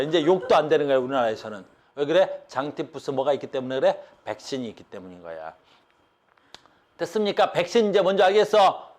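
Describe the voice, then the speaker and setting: A middle-aged man teaching biology to a high school class. His voice sits slightly high and swings widely up and down as he explains. He keeps stopping to quiz the room. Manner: lively, keeps checking in with questions to the students. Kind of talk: classroom lecture.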